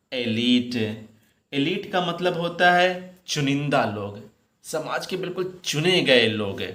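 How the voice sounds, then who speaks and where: A man teaching English pronunciation in Hindi, slowly repeating each word and quizzing his students. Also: mid-range voice, a bit bright. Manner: addresses students as "beta", repeats words slowly, asks questions. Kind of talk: pronunciation lesson. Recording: roomy echo.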